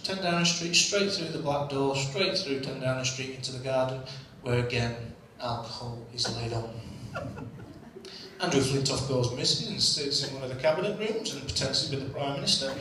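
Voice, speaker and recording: A man's voice: a little high, normal speed, background noise. A man telling cheeky comic stories from his cricket days at an after-dinner event, heard from a distant mic. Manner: cheeky, comic storytelling with punchlines. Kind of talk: anecdotal after-dinner storytelling. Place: function room. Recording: distant mic in an echoey room with faint ambience.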